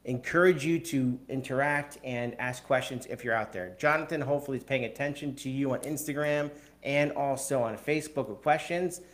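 A man's voice: mid-range voice, a little fast. A man hosting a live video podcast, upbeat and chatty, often stumbling over words and repeating himself. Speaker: podcast host.

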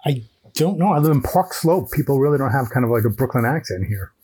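A man guest on a podcast, telling a story in a measured, deliberate way over a headset microphone. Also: mid-range voice, expressive, a little mellow, slightly rough. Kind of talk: casual storytelling chat.

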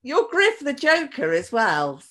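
A woman's voice: high voice, wildly swooping pitch, a little slow, fairly bright tone. A woman hosting a podcast, chatting casually with her guest. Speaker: podcast host. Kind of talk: casual interview chat.

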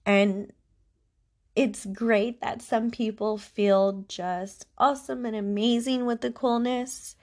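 A woman's voice: a little high, steady tone, slow, a little mellow. A woman hosting a podcast with a congested voice, giving a personal, reflective talk about faith in a confiding manner. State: congested from allergies, voice not its normal sound. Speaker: podcast host.

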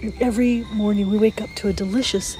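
Talking fast in a steady, mellow, mid-range voice, a woman hosts a casual morning podcast chat. She is sniffly from a cold but cheerful, laughing often, and soft music plays in the background.

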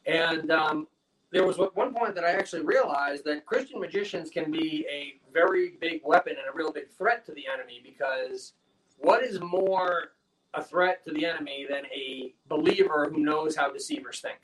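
A man's voice: fairly high pitch, moderate pace, recorded from a distance, crowd noise, rough recording. Earnest man telling stories, set back from the mic. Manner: animated storytelling, earnest. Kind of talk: casual faith conversation.

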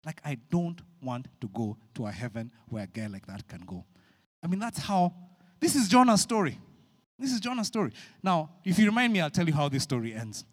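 A man's voice: medium pitch, sing-song, a little fast. A middle-aged man preaching a sermon as pastor, telling a story animatedly and acting out his younger self. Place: large church hall. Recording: long hall reverb.

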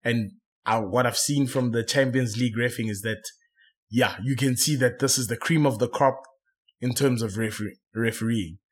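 A man hosting a casual football chat, often pausing with fillers and correcting himself. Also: medium pitch, husky. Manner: hesitant, self-correcting, many fillers. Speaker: podcast host.

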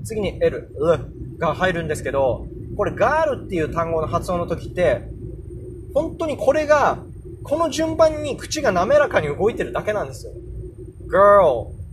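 A man's voice: high voice, very animated, normal speed, background noise. A young man casually hosting a solo podcast, explaining English pronunciation and sounding out example words aloud. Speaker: podcast host.

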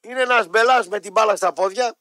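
A man with a high voice hosts a casual sports radio show. He talks bluntly and teases, cutting in over his co-hosts. The sound is dry and close. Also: pushed and bright, no echo.

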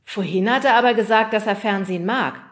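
A woman voicing a jumpy, excitable young boy who quickly gets defensive. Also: mid-range voice, voice pushed up, lightly acted.

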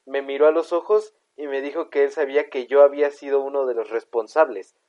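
A man's voice: mid-range voice, fairly even intonation, a little fast, warm tone. A young man with a Mexican accent co-hosting a podcast, joking, laughing and swearing, sometimes reading a story aloud. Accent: Mexican Spanish. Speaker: podcast co-host. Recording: dull lo-fi sound.

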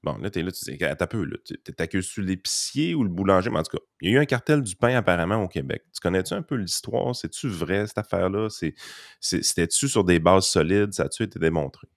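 Un homme à l'accent québécois, coanimateur de balado, qui parle franchement et familièrement et pose des questions. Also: male voice, deep voice, lively intonation, fast, gravelly, dry recording, clean studio sound. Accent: Québécois French. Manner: frank, colloquial, asks questions. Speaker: podcast co-host. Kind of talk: casual chat.

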